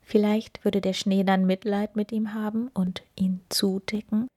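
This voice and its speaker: A woman in a whispered role-play, gently reading a picture book to children. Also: medium pitch, level tone. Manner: slow, gentle, addresses children.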